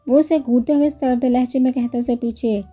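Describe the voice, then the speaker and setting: A woman narrating a novel in a steady storytelling manner. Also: high-pitched, faint music behind.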